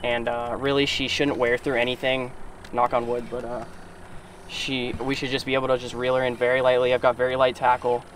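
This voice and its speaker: Wading in water while filming his fishing vlog, a young man talks into an action camera mic, excitable and out of breath, with outdoor sounds in the background. His voice is medium in pitch and a little fast. He shouts loudly whenever he lands a catch.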